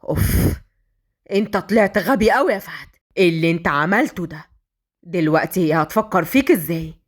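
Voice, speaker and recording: A woman with an Egyptian accent voicing a moody young male company boss, speaking low and half-whispered. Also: animated, fast. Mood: self-reproach, threatening. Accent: Egyptian Arabic.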